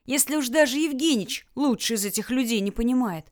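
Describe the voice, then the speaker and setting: A woman reading an audiobook aloud, telling the story in an expressive, dramatic way. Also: a little high, fairly quick, dry recording, studio quality. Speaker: narrator.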